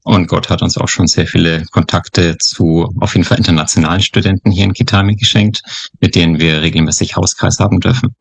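A man in his thirties from Upper Franconia, a missionary guest speaking calmly and quietly in a podcast interview, with some hesitations. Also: low-pitched, a little fast, vocal fry, slightly rough, dry recording. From Upper Franconia, Germany. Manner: calm, quiet, hesitant with fillers.

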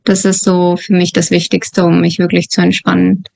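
A woman's voice: on the low side, monotone, normal speed, creaky, darkish tone, dry recording. A woman born in Uzbekistan and raised in Germany, a missionary guest speaking thoughtfully and earnestly in a podcast interview, with some hesitations.

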